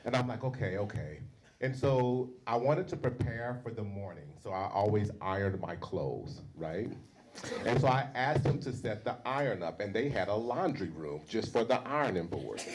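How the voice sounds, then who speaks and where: A man telling a personal story at a panel talk, animated, acting out what people said. He works as a university teacher. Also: lowish voice, very noisy. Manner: animated storyteller, acts out quotes. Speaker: panel speaker.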